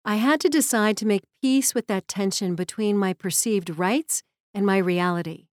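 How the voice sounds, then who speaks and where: A woman narrates her memoir in an earnest, reflective tone. Her voice sits at an ordinary middle pitch. The sound is dry and close, with no room echo. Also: moderate pace.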